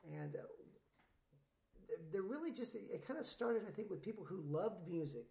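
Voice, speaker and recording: Laid-back rambling songwriter man, gravelly, roomy sound. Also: sits high, sing-song, moderate pace, darkish tone. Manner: laid-back, rambling storyteller with many fillers. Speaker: singer-songwriter guest. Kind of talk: casual interview chat.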